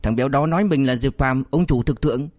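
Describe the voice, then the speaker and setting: A man voicing an easygoing male crime squad leader who jokes and smooths things over. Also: medium pitch, fast, a little mellow, no room sound, studio quality, close to an everyday voice. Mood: joking.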